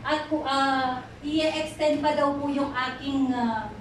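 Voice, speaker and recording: High-voiced woman pastor in an echoey hall. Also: steady tone, slow, slight background noise. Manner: emotional, mixes English into her talk. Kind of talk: testimony sermon. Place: church hall. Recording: very echoey, from far off.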